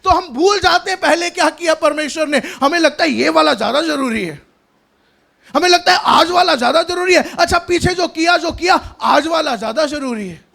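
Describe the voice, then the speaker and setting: High-pitched gravelly pastor, emphatic. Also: male voice, pushed and bright. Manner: emphatic, often raises voice, repeats verses after reader. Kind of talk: sermon.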